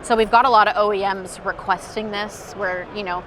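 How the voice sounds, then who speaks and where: A woman's voice: medium pitch, fairly even intonation, fairly quick, rough recording. A woman company representative explaining a product conversationally in a demo at a trade show. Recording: busy outdoor trade-show crowd noise.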